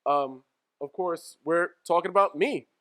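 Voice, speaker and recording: A man's voice: fairly high pitch, measured pace, sharp tone, no echo. A man in his thirties co-hosting a podcast in casual chat, joking and slangy and laughing often. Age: 30s. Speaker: podcast co-host.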